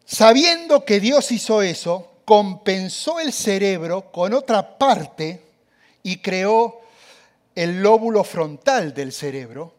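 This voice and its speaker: High-pitched guy preaching, lively, talks right to the crowd. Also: takes it slowly. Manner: animated, addresses the audience directly. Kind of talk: sermon.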